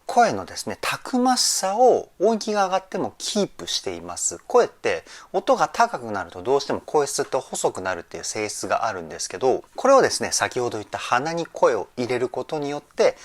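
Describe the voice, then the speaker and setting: Lively polite male vocal coach. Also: medium pitch. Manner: polite, enthusiastic explaining with singing terms. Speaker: vocal trainer. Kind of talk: vocal analysis commentary on a song.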